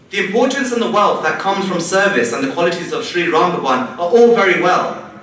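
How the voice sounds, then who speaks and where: A man's voice: sits high, pushed and bright, slight background noise. Young British man giving a speech. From United Kingdom. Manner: rhetorical, with measured repetitions. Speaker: conference panelist, local election candidate. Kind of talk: prepared conference speech. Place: large conference hall. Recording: distant, echoey hall.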